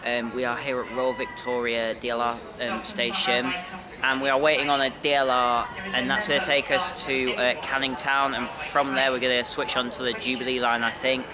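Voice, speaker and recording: A man's voice: mid-range voice, level tone, moderate pace, a loud crowd. A young man from England chatting casually to camera as a train vlogger, upbeat and full of fillers, filmed at arm's length in stations and carriages. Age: young adult. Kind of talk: casual vlog narration. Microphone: handheld camera at arm's length.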